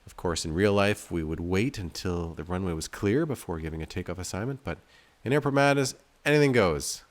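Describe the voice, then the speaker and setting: A deep, brisk male voice provides casual commentary as a game developer plays his own title for a video he hosts. He wanders through his thoughts aloud and isn't shy about putting himself down.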